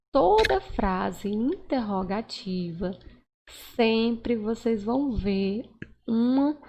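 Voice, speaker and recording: A woman's voice: a little high, creaky, darkish tone, dull audio, a little hiss or hum. A woman teaching a grammar lesson, patiently checking in with her listeners and acting out the example sentences. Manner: slow, patient, checks in with "né?" and "certo?"; acts out example sentences with raised, stretched intonation. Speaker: Portuguese teacher. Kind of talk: recorded online grammar lesson.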